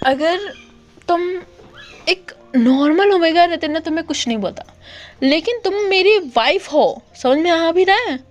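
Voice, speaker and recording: A woman's voice: very high voice, expressive, a little slow, voice pushed up. A woman voicing a possessive young male lion alpha student who talks boastfully and domineeringly.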